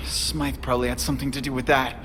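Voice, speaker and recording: A man's voice: mid-range voice, little pitch movement, fast, noisy background, close to an everyday voice. A young man with an American accent, acting as a devoted, wry young superhero in a video game cutscene. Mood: relieved, wry. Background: loud music.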